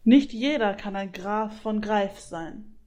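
A woman's voice: mid-range voice, fairly even intonation, moderate pace, darkish tone, close to an everyday voice. A woman doing a pompous self-crowned griffin. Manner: grandiose, off-key singing. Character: pompous male griffin, self-styled count.

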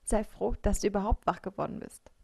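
A woman voicing a cheeky, smug schoolgirl in an audiobook, with a bright, teasing, bouncy delivery. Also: mid-range voice, a little fast, creaky, husky. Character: cheeky top-student schoolgirl, smug and carefree.

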